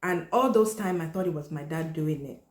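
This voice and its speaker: A woman hosting a podcast, telling a personal story in a blunt, candid way and often dropping her voice low. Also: moderate pace. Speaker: podcast host. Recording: roomy echo.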